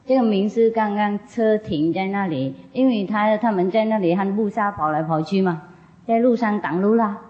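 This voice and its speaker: A woman's voice: medium pitch, normal speed. A woman spiritual teacher telling a story to an audience in a folksy, chatty way, often laughing. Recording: dull lo-fi recording.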